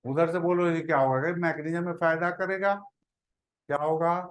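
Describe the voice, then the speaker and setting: A man teaching a chemistry class, pausing to scold and prod his students to answer. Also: a little high, fairly even intonation, slight background noise. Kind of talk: classroom lecture.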